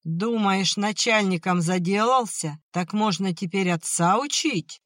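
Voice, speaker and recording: Narrator putting on a drunk bitter old peasant dad, slow slurry words, raised voice, dry close sound. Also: medium pitch, no room sound, lightly acted. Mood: drunk, angry. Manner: shouting then maudlin, slurred. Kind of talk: audiobook acting.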